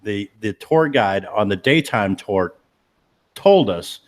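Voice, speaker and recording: A man with a low voice and a drawl tells a spooky story at an easy pace. He is laid-back and loose, and fills his sentences with "you know" and "like". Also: animated, slow. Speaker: paranormal investigator. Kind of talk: casual storytelling.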